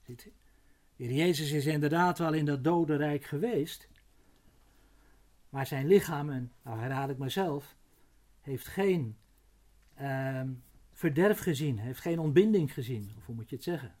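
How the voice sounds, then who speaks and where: Mellow-voiced man preaching a sermon. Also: fairly high pitch. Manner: unhurried, often slowing to stress words, with frequent "hè" and restarts. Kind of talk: sermon, Bible exposition.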